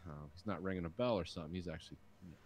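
Low-voiced and a little mellow, this man in his forties speaks very fast as he hosts a podcast in a dim home studio. He rambles through crude stories, swears without restraint and imitates people. He records on a boom-arm studio mic with headphones, and there's a slight hiss or hum.

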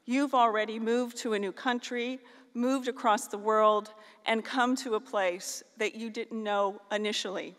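A woman's voice: on the high side, steady tone, a little slow, a bit bright. A middle-aged woman from the US, giving a formal graduation keynote at a podium microphone on a large auditorium stage. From northeastern Ohio, US. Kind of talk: formal ceremonial speech. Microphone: podium microphone on a stand. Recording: long hall reverb.

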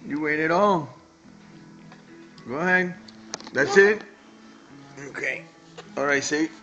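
A man casually filming his daughter at breakfast, gently coaxing her to eat and talk. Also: fairly high pitch, takes it slowly, soft background music, low-quality recording. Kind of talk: casual home video chat.

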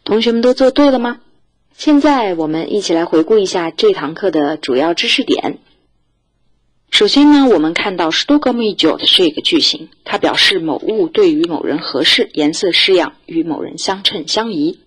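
A woman teaching a recorded language lesson, her voice lower and a little husky. She explains each point with a lively, rising and falling tone, then reads model sentences slowly for the class to repeat.

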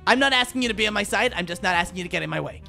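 A man with a Sheffield accent voicing a scrappy, scheming male garbage rat who rambles excitably in a game role-play. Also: high voice, racing, gravelly, faint music behind, exaggerated voice. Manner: rambling, excitable, shouts in bursts. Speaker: streamer.

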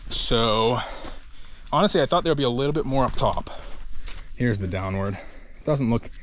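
A young man in his twenties vlogs his hike along a rainforest volcano trail, holding an action camera at arm's length and chatting casually. His medium voice has lively intonation at a normal pace. There's faint outdoor noise.

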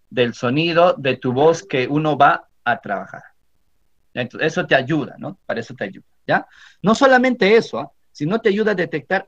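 A teacher-training instructor with a Peruvian Spanish accent and a slightly high voice leads a step-by-step screen-recording software tutorial for teachers, often checking that listeners are keeping up. He speaks into a computer microphone, and the audio is slightly dull and lo-fi.

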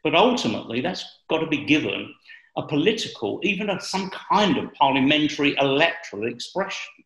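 Guy in his 60s talking politics, earnest n deliberate, echoey room on a video call. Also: fairly high pitch, sing-song, a bit bright, lo-fi sound. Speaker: political commentator. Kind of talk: political discussion. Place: bright room at home.

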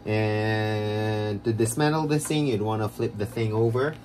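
Slow man on low-quality phone audio. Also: steady tone, darkish tone, a little hiss or hum. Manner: rambling, halting explanation. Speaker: DIY vlogger. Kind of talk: casual how-to walkthrough. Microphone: phone camera.

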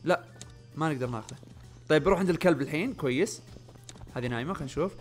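A young man giving casual let's-play commentary, muttering to himself and yelling when things go wrong. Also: a little high, animated, racing, soft background music. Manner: chatty, often muttering under his breath, bursts of panicked yelling. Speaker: gaming channel host.

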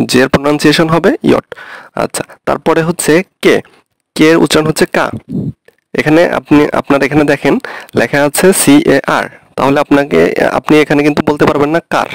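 Gravelly-voiced man teaching patiently. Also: mid-range voice, no room sound. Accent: Bangladeshi Bengali. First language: Bengali. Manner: patient, repeats each point with frequent check-ins. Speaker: language teacher. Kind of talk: explaining a lesson.

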